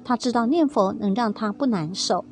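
A woman's voice: on the high side, normal speed, faint music behind. A woman reading a first-person testimony aloud in a tender, earnest storytelling manner.

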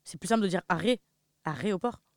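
A woman's voice: on the low side, fairly quick, no room sound, studio quality. A young woman, co-hosting a jokey casual chat. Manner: jokey, bursts into loud laughing exclaims. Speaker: co-host.

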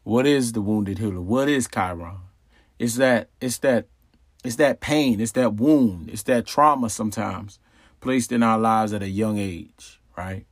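An astrology channel host with a voice on the low side talks unhurriedly in a casual explanatory monologue. He is conversational, repeating phrases and posing rhetorical questions, and the studio-quality recording has no echo.

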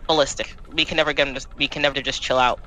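A woman's voice: a bass voice, fairly even intonation, very fast, sharp tone. A woman chatting loosely as a player over a headset voice call, her audio glitching and breaking up. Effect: glitchy, breaking-up, crunchy digital audio. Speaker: tabletop game player. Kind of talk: casual chat over a voice call.

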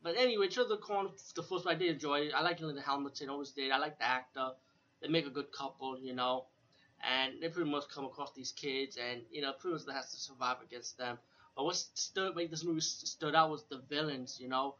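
A man's voice: a little high, a little fast, sharp tone. A man giving a casual, rambling, unscripted video review as host, informal and repetitive, with some swearing. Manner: informal, profane, repeats himself and often adds "you know". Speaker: host of a horror film retrospective review. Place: room with a fan or air conditioning running. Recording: dull lo-fi, air conditioner fan running nearby.

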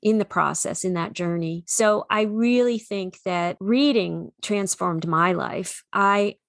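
Woman author, New England accent, gravelly, dry close sound, earnest. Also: mid-range voice, slow pace, dry recording. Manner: earnest, reflective, with frequent restarts. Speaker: children's book author and speaker. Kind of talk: conversational interview.

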